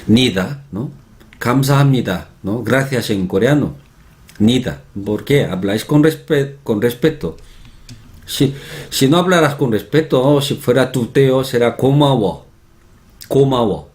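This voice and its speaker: A man's voice: mid-range voice, animated, normal speed, darkish tone. A man teaching an online language lesson, explaining patiently and repeating example words several times, with chatty asides. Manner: chatty asides, often asks "¿no?".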